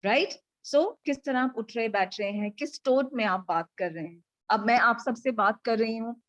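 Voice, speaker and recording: A pageant grooming coach with an Indian accent leads a live online class over a video call, energetic and projecting to hold attention. Her pitch is fairly high but her pace unhurried and deliberate as she coaxes and directs students, mixing English and Hindi. The recording is rough.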